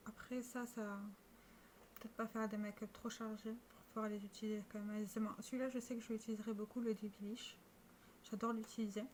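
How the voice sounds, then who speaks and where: Woman beauty vlogger, casual product walkthrough, slightly high voice, faint room hum. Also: a little mellow. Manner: chatty, showing products to camera with small restarts. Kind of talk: casual makeup vlog.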